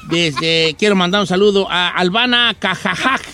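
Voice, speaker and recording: A man's voice: high voice, moderate pace, pushed and bright. A man hosting a comic news show, reading stories and teasing his co-hosts.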